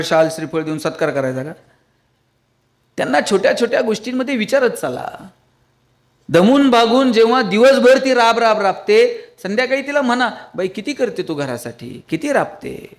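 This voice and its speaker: A male public speaker delivers a motivational lecture, telling humorous stories and pleading with his audience. His voice is high and his pace brisk.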